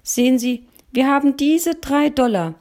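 Woman doing an eager high-voiced little boy. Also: a little slow. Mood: earnest. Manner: high, excited, proud. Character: eager poor boy about nine, protective. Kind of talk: audiobook reading.

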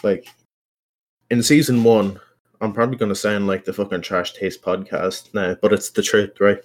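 A man's voice: fairly low pitch, little pitch movement, normal speed. A young man with an Irish accent hosting a casual solo podcast, rambling informally and self-consciously with plenty of swearing. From Ireland. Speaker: podcast host.

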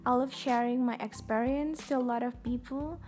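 With a slightly high, darkish voice, steady tone and normal speed, a young woman with an Indonesian accent hosts a podcast. It's a casual personal monologue, chatty and talkative, with plenty of fillers.

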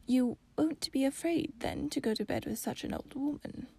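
A kind and ancient grandmother from a storybook, murmuring in a soft half-whisper, voiced by a woman reading aloud. The voice sits high and warm, with a gravelly, breathy texture. She sounds calm and tender. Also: normal speed, heavily acted. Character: ancient, gentle, wise grandmother.

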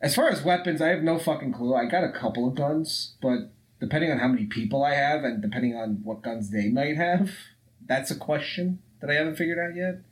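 A man's voice: on the high side, fairly quick, rough recording. A man co-hosting a podcast in casual chat, talking loosely and swearing freely. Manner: loose and profane, acts out scenes with voices. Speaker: podcast co-host.

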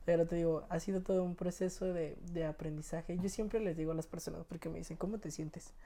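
A young man in his twenties with a Mexican Spanish accent, talking as a podcast guest. His voice is soft and mellow, and he laughs easily as he tells his stories in a relaxed, casual way. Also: a little high, fast talker. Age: 20s. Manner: laughs often while telling stories. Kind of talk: casual interview storytelling.

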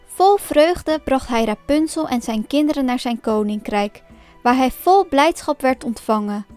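A woman reading a fairy tale aloud as a storyteller, in a calm, clear storybook manner. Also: sits high, unhurried, soft background music.

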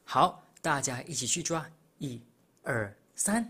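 A young man voicing a hungry wolf in a storybook reading, rough and breathy. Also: medium pitch, lively intonation, a little slow, heavy background noise, lightly acted. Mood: greedy. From Malaysia. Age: young adult. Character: big hungry wolf, eager then sheepish.

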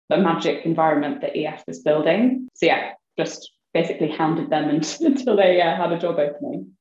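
A young venture investor appears as an interview guest, chatting casually in a low voice with a darkish tone. She's chatty and fills her speech with "like" and "kind of," and the audio is roomy and slightly dull.

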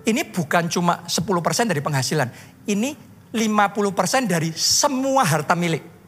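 A pastor giving a sermon in a passionate, emphatic way, with casual asides to the congregation and sudden loud bursts. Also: mid-range voice, animated, fairly quick, slight background noise.

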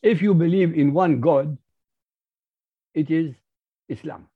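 A man's voice: fairly high pitch, takes it slowly, slightly rough. A man from Iraq whose first language is Arabic, speaking with an Arabic accent as an interview guest, in an emphatic, lecturing way. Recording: muffled lo-fi audio.

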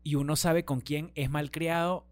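A man's voice: a little high, fairly even intonation, measured pace. A man with a Venezuelan accent chatting casually as host, teasing his guest playfully and mimicking voices. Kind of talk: casual chat.

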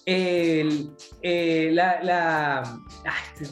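A man's voice: fairly high pitch, flat delivery, drawn-out words, echoey room, soft background music. A young man with an Ecuadorian accent co-hosting a podcast, rambling in slang-heavy casual chat and laughing often. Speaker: podcast co-host.

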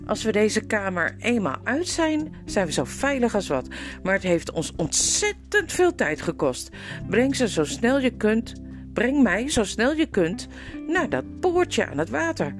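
A woman's voice: a little high, sing-song, measured pace, music in the background, pitched above the performer's own voice. A woman reading a storybook aloud and voicing a bold, determined young runaway girl who speaks firmly and urgently. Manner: firm and urgent.

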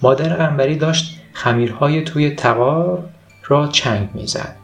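A man reading a children's story aloud as a calm, scripted narration. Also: on the high side, creaky, soft background music.

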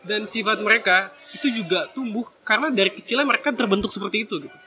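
A man's voice: high-pitched, fast talker, bright, forceful tone, slight background noise. A man talking casually to his viewers, giving advice in a chatty, slangy way and slipping in English phrases.

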